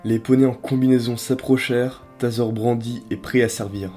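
A man narrating a dark story in a steady, dramatic reading voice. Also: medium pitch, moderate pace, faint music behind.

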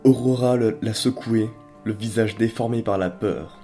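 A man narrating a dark story in a steady, dramatic reading voice. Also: on the low side, normal speed, soft background music.

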